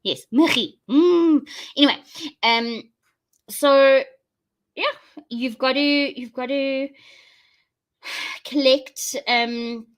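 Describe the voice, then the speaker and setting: A woman's voice: high voice, little pitch movement, extremely slow, long pauses, fairly bright tone, clean tone. A South African woman hosting a casual live chat for her viewers, rambling and thinking aloud as she goes. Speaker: host of a live online show.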